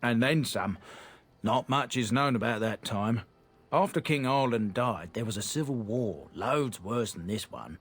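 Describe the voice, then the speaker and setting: This merchant character, proud and from a disgraced noble line, is voiced by a man with a medium-pitched, fairly bright, slightly rough voice. He sounds animated yet unhurried, and speaks bluntly, plainly, and earnestly.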